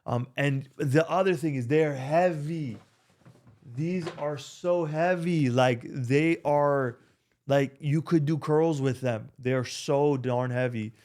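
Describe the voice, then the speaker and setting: A young vlogger talks into a desk microphone in a slightly high, darkish voice, speaking slowly. He rambles casually, with plenty of fillers and restarts.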